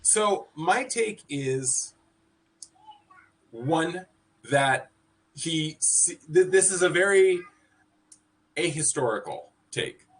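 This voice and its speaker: A man from California hosting a podcast, chatting in an animated, reflective way with frequent restarts. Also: on the high side, drawn-out words, long pauses, low-quality recording. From California, USA. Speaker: podcast host. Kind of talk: casual podcast chat.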